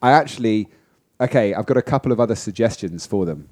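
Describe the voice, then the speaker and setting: A man co-hosting a surf podcast, chatting casually, self-deprecating and quick to laugh. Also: on the low side, expressive, darkish tone. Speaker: podcast co-host. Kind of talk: casual chat.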